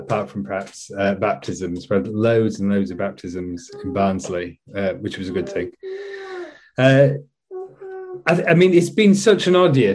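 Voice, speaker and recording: A man with a Yorkshire accent and a lowish voice, talking over a video call. He answers questions as a chaplain in a relaxed, self-deprecating way and often restarts his sentences. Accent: Yorkshire English. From West Yorkshire, England. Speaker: college chaplain. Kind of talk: casual interview answers.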